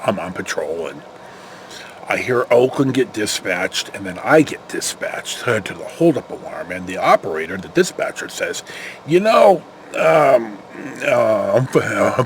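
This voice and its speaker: This former security patrol officer, an older American man, has a voice on the low side. He rambles through casual anecdotes with salty language and performs the dialogue, while slight background noise sits underneath.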